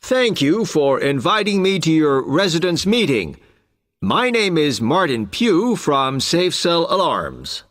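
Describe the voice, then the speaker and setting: An informative male salesman voiced by an actor gives a scripted, polite presentation. His voice is on the high side for a man and moves with very lively intonation. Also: takes it slowly, full character voice. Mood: polite, persuasive. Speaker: alarm salesman.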